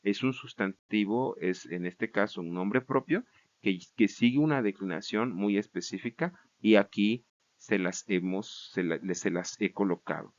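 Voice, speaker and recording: A man's voice: on the low side, unhurried, muffled recording. A man giving a recorded grammar lecture, explaining patiently, repeating words and checking in with the class as he goes. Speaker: Greek grammar teacher.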